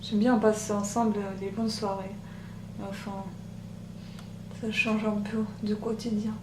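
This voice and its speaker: A woman with a soft voice talking through a makeup tutorial in a relaxed, chatty way, pausing often. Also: medium pitch, recorded from a distance. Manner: chatty, hesitant with many pauses. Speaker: beauty vlogger. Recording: roomy echo, off-mic, machine hum. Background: machine hum.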